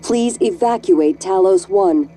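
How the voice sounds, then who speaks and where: A calm, even-toned female station computer makes measured announcements over a loudspeaker. Her voice is very dark and mellow. A faint ambient hum sits behind her. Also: medium pitch.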